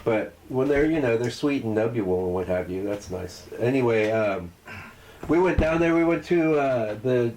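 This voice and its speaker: A man in a casual podcast chat, with a middle pitch. He rambles through his stories, swearing freely and restarting sentences. A faint hiss of noise sits under the recording. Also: normal speed, darkish tone, poor audio. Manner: loose, profane storytelling. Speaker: podcast co-host.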